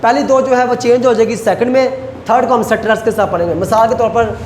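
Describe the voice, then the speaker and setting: A man with a very high voice teaches a class, walking through each rule and slowly repeating the example phrases. He is recorded in a reverberant lecture hall with a long echo tail and faint background noise. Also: steady tone.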